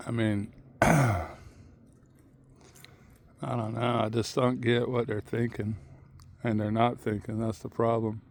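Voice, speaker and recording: A man's voice: mid-range voice, flat delivery, slow, creaky, pauses often. A man vlogging in a rambling, plain-spoken monologue as he walks outdoors, musing and drifting from one thought to the next. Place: outdoors on a muddy tidal shore.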